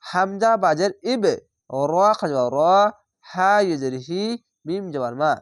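High-voiced man teaching Quran spelling. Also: dry recording, studio quality. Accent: Bangladeshi Bengali. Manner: spells letters and vowel marks one by one, then recites slowly. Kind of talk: spelling-out Quran recitation lesson.

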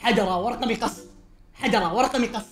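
Rapid, high, animated guy. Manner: playful, teasing, bursts into shouts. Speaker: gaming channel host. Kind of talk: excited gaming challenge banter.

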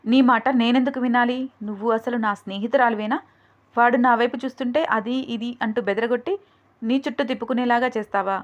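A woman's voice: fairly high pitch, fairly even intonation, brisk, muffled recording, lightly acted. A woman voicing a jealous, angry young woman who taunts and scolds. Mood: angry taunting.

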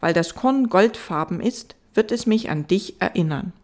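A woman's voice: medium pitch, expressive, normal speed, natural voice. The fox, read by a woman. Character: gentle wise fox, patient and wistful.

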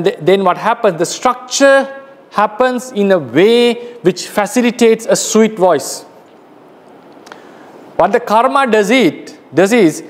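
A man with a Sri Lankan accent teaching a lecture as a Buddhist monk, speaking slowly and explaining step by step, with pauses and self-corrections. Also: high-pitched, long reverb tail.

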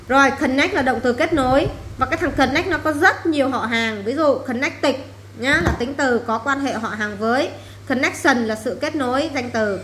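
Woman, teacher, vocabulary drill, repeats each word, slightly high voice, echoey room. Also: a bit bright. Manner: repeats each word, then explains it plainly. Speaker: English teacher. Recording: echoey room, faint background noise.

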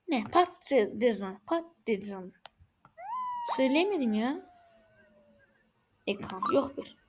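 A woman hosting a game channel, giving casual gameplay commentary with excitable, exclaiming reactions. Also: sits high, slight background noise.

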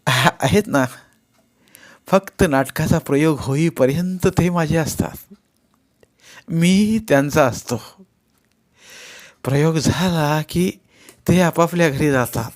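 Young male actor sunk in drink, self-pitying and bitter, voiced higher and sharper by a male audiobook narrator. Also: slow, pauses often. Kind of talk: audiobook character voice.

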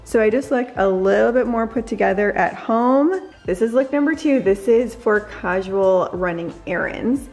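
A woman's voice: mid-range voice, normal speed, hardly any pauses, darkish tone, soft background music. Upbeat woman vlogging at home. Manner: upbeat, gushing, chatty. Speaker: lifestyle vlogger. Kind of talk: casual vlog try-on chat. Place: bright living room at home. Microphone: camera in hand and mirror selfies.

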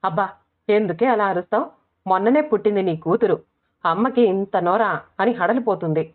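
A woman narrator voicing a fond middle-aged mother who fusses and gently scolds her grown daughter. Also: mid-range voice, normal speed, natural voice. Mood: fussing. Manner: gentle, fussing, scolding softly. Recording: tinny phone-like audio.

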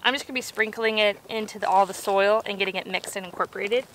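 A woman in her thirties hosts an outdoor gardening vlog, talking casually and conversationally while explaining what she's doing as she works. She speaks at a quick pace in a steady, mid-range voice. The recording is low quality, with clear outdoor background noise.

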